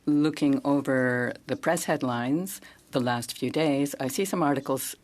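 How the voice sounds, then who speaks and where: Interpreter, middle register, live committee interpretation, even measured delivery. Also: mid-range voice. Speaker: simultaneous interpreter. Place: parliamentary committee room.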